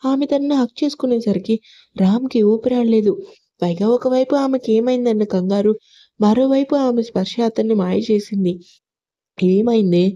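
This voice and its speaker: Female storyteller, calm even reading, somewhat high pitch, dull recording. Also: moderate pace. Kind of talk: narrated audio story. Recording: lo-fi audio.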